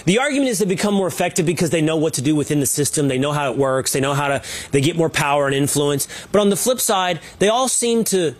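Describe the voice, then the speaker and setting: Firm, opinionated man with a higher voice. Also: fast talker, hardly any pauses. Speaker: co-host. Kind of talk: casual political debate.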